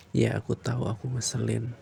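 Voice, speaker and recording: A man's low, gravelly murmur, warm and mellow, drifting along at an unhurried pace in a soft, breathy bedtime roleplay. His delivery stays flat and soothing, recorded close in a quiet room with a faint hiss of noise behind it. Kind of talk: boyfriend roleplay ASMR.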